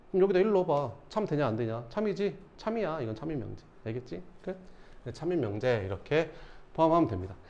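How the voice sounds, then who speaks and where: A male math teacher giving a casual classroom lecture, often pausing to check that students follow. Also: a little high, lo-fi sound.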